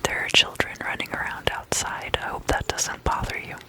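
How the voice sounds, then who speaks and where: In a guided meditation lesson, an ASMR host speaks in an unvoiced, soft, breathy whisper. The pace is unhurried, with words frequently repeated gently.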